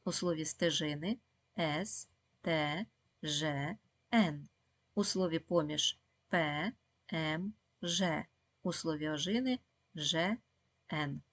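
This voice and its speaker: A woman teaching a video lesson for second graders, speaking slowly and clearly, praising the pupils often and asking them questions. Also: low voice, fairly bright tone, dry recording. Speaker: primary school teacher.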